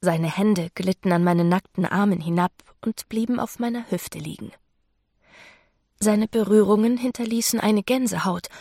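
A woman narrates a novel in the first person with a measured, intimate delivery. Her voice carries a gravelly texture. The recording is dry and close, with no room sound. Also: mid-range voice, a little mellow, dry recording. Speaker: audiobook narrator.

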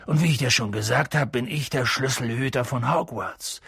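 A man voicing a huge, hot-tempered but kindly male giant who growls and bellows in a raspy, gravelly voice. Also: normal speed, a bit bright, dry recording, clean studio sound, exaggerated voice. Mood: indignant. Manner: booming outbursts swinging between growls and bellows.

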